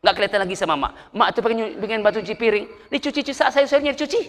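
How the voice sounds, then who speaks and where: Male preacher, high voice, animated, middle-aged, echoey mosque hall. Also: racing. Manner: animated, keeps checking in with the congregation. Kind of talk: sermon to a mosque congregation.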